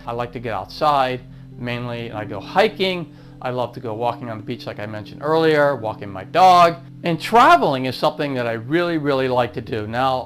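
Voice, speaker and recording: A man vlogging casually to the camera in front of a green screen, in an easygoing, rambling way. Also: medium pitch.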